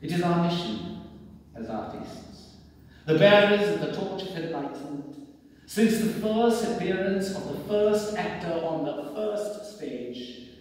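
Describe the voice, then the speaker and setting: With a high-sitting, slightly mellow voice, an older man reads a formal speech on an indoor theatre stage at a measured pace, animated, declamatory, theatrical and emphatic in an oratorical manner. A distant camera in the audience picks it up, so the hall echoes heavily and faint noise remains.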